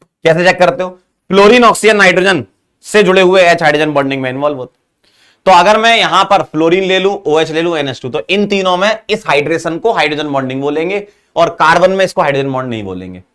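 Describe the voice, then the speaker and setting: Man, chemistry teacher, fairly high voice, coaxing, quizzes students, mix. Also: fast talker, a bit bright, smooth. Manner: coaxing, asks students questions and praises them. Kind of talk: online chemistry lesson.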